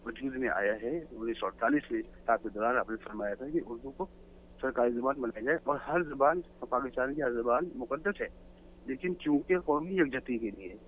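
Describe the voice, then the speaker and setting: A man's voice: medium pitch, slight background noise. A man calling in to a talk show, explaining his views earnestly in a lecturing way. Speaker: guest caller. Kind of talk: phone-in talk show discussion. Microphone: telephone. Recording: tinny phone line.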